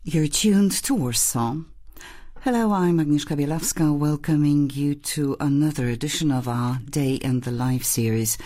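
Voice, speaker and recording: Woman radio host, lowish voice. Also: warm tone. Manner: measured, asks questions with some hesitation. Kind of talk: radio interview.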